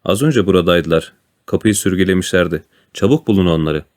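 A vicious blind old pirate beggar barks and curses at his crew, as a male narrator puts him on. The voice sits very low and gravelly-deep, and the fury runs through every storybook line. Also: brisk, natural voice. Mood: furious. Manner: shouting, cursing.

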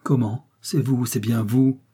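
A man's voice: medium pitch, steady tone, measured pace, dark tone, slightly rough. A man reading the part of a devoted, emotional farmer who speaks effusively to his master. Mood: overjoyed. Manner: tearful, effusive. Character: emotional devoted male farmer, loyal servant.

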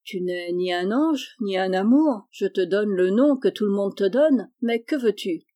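A woman voicing a firm but loving mother in a storybook, speaking calmly and measuredly. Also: medium pitch, measured pace, natural voice.

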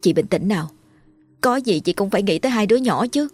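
A woman's voice: medium pitch, animated, a little fast, darkish tone, slightly rough, faint music behind, voice pushed up. A woman voicing an anxious, caring neighbor woman who stammers with hesitant fillers. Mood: nervous.

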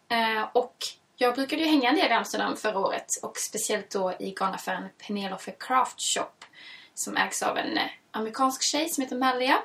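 A woman's voice: medium pitch, fairly bright tone, recorded from a distance. Chatty woman, a little off mic. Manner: chatty storyteller, many fillers. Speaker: podcast co-host. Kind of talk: casual chat.

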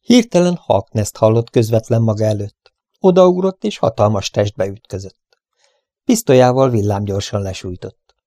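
A man reading an adventure story aloud in a steady storytelling manner. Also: on the low side, no echo, studio quality. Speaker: audiobook narrator. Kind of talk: scripted adventure narration.

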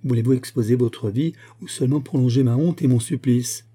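A man's voice: mid-range voice, fairly quick, warm tone, husky, close to an everyday voice. A man voicing a remorseful young noblewoman who pleads earnestly with her husband in an audiobook reading. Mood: pleading.

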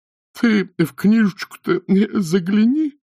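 A man doing a loud, blustering tavern keeper. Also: animated, slow, no room sound, clean studio sound, heavily acted. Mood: flustered. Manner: loud, blustering, squeaky when nervous. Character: gruff, flustered male tavern keeper.

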